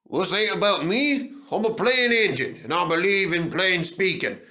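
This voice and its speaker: A man voicing a gruff, boastful male engine who talks bluntly and loudly. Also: high-pitched, lively intonation, moderate pace, voice pushed up. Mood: blustering. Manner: blunt, loud and swaggering.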